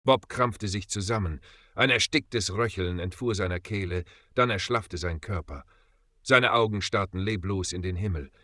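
Low-voiced man narrating an audiobook gravely. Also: moderate pace, a bit bright, dry recording. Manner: grave, dramatic storytelling.

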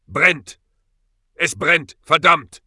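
A man's voice: medium pitch, animated, moderate pace, slightly rough, no echo, clean studio sound. A man voicing a hotheaded cursing mercenary. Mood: screaming. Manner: loud, cursing, shouts in pain. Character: impulsive young male mercenary, hotheaded.

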